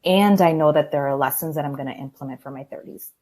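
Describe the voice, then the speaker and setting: A woman's voice: sits low, fast, dark tone. A woman in her thirties, a podcast guest speaking candidly and reflectively in a casual interview, laughing often. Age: 30s.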